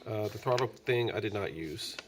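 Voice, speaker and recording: Hosting a casual DIY walkthrough, a man with a lowish voice thinks out loud and counts up parts as he works, at a moderate pace. There is noise in the background.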